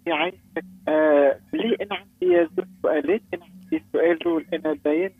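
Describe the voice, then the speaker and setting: Woman, Tunisian accent, halting caller, corrupted glitchy audio cutting in and out, tinny phone line, dry sound. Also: sits low, big pitch swings, gravelly, no echo. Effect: choppy, glitchy phone line that keeps breaking up. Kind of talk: phoning in to a radio religious advice show.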